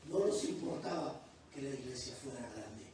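A man who is a pastor, preaching a sermon that moves from quiet testimony to loud, fervent preaching. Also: medium pitch, expressive, moderate pace, slight background noise. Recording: distant, very echoey church hall.

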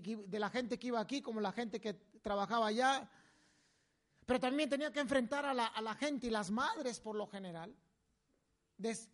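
A man preaching a sermon in an animated way, with sudden loud, emphatic bursts. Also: extremely high pitch.

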